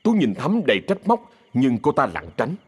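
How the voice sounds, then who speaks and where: A man with a Southern Vietnamese accent narrating a ghost story in a lively, expressive way. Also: medium pitch, normal speed, slightly rough.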